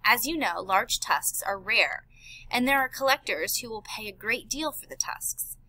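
A woman's voice: a little high, animated, moderate pace, sharp tone, dry recording. A woman voicing a sarcastic, scheming male ivory poacher in an audiobook. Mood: amused. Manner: sarcastic, amused, smooth-talking.

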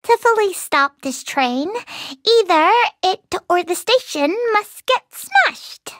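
A woman's voice: very high voice, very animated, takes it slowly, fairly bright tone, dry recording, studio quality, exaggerated voice. A woman voicing a playful, carefree young cookie train conductor in a video game, with a cutesy, breezy delivery. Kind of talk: video game cutscene voice acting.

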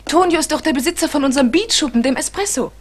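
An actress playing a lively, bossy young woman in a 1960s TV series, teasing and brisk. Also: high voice, a little hiss or hum. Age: young adult.

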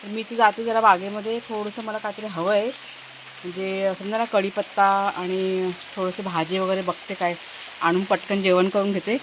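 A Marathi-accented family vlogger from Maharashtra, India, chats casually from her village home and coos over her dogs in doting baby talk. Her medium-pitched voice is level and at normal speed, with background noise behind it.

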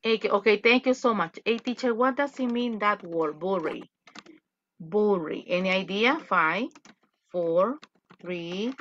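A woman's voice: medium pitch, fairly even intonation, a little slow, a bit bright. A woman teaching an English class over a video call, coaching her students affectionately and explaining patiently. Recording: muffled video call audio.

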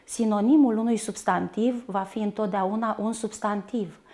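A woman teaching a primary school lesson, speaking slowly and carefully and spelling words out syllable by syllable. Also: mid-range voice, fairly even intonation, warm tone.

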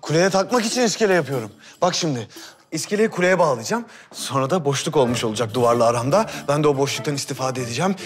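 A man's voice: on the high side, expressive, quick pace, natural voice. An actor playing an eager, impatient Ottoman inventor in a period drama. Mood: busy, impatient. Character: impatient, dreamy bearded Ottoman inventor obsessed with flying.

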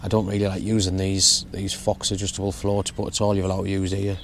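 A young man explaining his fishing setup in a relaxed, step-by-step way while outdoors at a lake. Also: sits low, fairly quick, a little hiss or hum. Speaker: fishing vlogger. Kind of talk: casual how-to narration. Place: outdoors at a lakeside bank.

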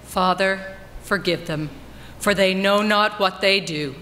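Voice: medium pitch, slow pace, bright, forceful tone. A person giving a solemn dramatic reading of scripture as a reader at a church service. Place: large church interior before a congregation. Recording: long reverberant church hall, background noise.

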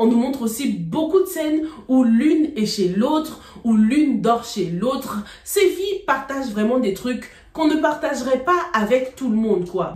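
A Cameroonian woman in her thirties, speaking with a Cameroonian French accent, reviews a series in a casual video, addressing her viewers directly in a chatty, emphatic way. Her voice is on the high side with a darkish tone. She's in a small indoor room lined with bookshelves, and the sound is roomy.

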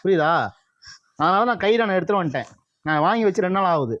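A man's voice: sits high, lively intonation, fast talker, a bit bright, dry recording, highs cut off. A man acting in a short drama as a young man who insists on marrying the woman he loves, coaxing and repeating himself. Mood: eager. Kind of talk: short social drama skit.

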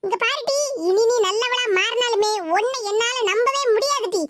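A woman voicing a harsh, scolding old village mother-in-law with a Tirunelveli accent in an animated cartoon. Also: very high-pitched, moderate pace. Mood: stern. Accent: Tirunelveli Tamil. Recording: hissy home recording.

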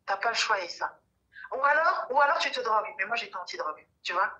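A woman's voice: fairly high pitch, animated, fast talker, sharp tone, highs cut off. A woman speaking as a guest, telling her personal story frankly and emphatically, repeating herself and using many fillers.

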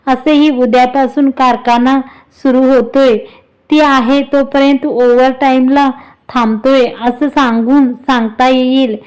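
A woman's voice: high voice, level tone, a little slow, darkish tone. Woman reading as a worried middle-aged father. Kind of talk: storybook reading.

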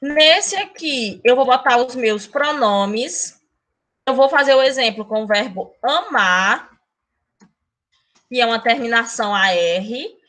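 A woman teaching Spanish in an online class, calling herself "a tia" in a teacherly, chatty way, speeding up when she gets excited and recorded on a computer mic. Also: a little high, slow pace.

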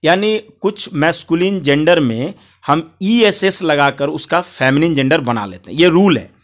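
A man's voice: fairly high pitch, animated, measured pace. A man teaching English grammar in Hindi. He repeats each point, spells words out letter by letter, and calls his viewers friends.

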